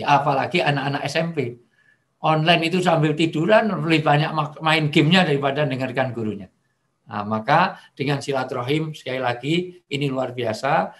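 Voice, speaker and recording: A middle-aged man preaching over a video call, lively and joking, now and then acting out angry shouting. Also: medium pitch. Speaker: Islamic preacher. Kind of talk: online religious talk.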